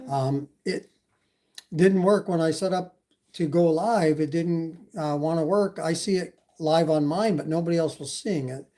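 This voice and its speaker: A Canadian man with a slight accent and a warm, fairly high-pitched voice hosts a casual live stream for his e-bike channel. He rambles, reads viewers' messages from chat and fills his speech with lots of fillers.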